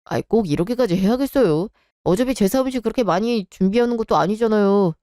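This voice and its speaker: A woman's voice: mid-range voice, quick pace, dark tone, dry recording, studio quality, close to an everyday voice. A woman voicing an exasperated young husband in a radio drama, frustrated and pleading. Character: young married man, exasperated husband defending his wife.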